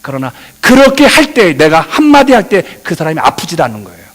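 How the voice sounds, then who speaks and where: A middle-aged male pastor preaching a sermon, swinging between loud emphatic peaks and quiet asides, addressing the congregation directly. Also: on the high side, big pitch swings, a little fast. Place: church sanctuary. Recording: long reverb of a church hall.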